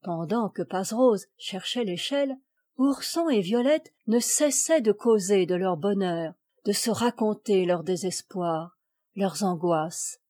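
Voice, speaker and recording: Measured female storyteller, slow and mellow. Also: mid-range voice, animated. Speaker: audiobook narrator. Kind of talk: scripted narration.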